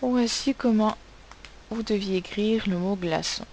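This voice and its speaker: A woman's voice: medium pitch, measured pace, a little mellow, a little hiss or hum, rough recording. A woman teacher giving a recorded spelling lesson to children, patiently spelling words out sound by sound. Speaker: primary school teacher.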